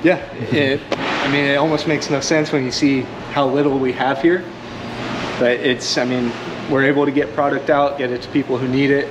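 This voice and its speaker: A man's voice: medium pitch, level tone, moderate pace. A young man gives a casual walking tour of a large warehouse, explaining with lots of "I mean" and "uh" fillers, recorded on a handheld camera. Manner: easygoing, many "I mean" and "uh" fillers. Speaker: company staff guiding a factory tour. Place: large indoor warehouse and assembly floor. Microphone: handheld wide-angle camera. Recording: loud warehouse background noise.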